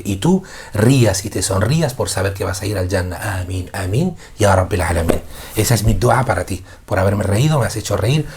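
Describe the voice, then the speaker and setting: A man's voice: lowish voice, darkish tone, breathy edge. A man from Spain with a Spanish accent, giving a casual live-streamed religious lesson, laughing through apologies and then explaining patiently. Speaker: Islamic teacher.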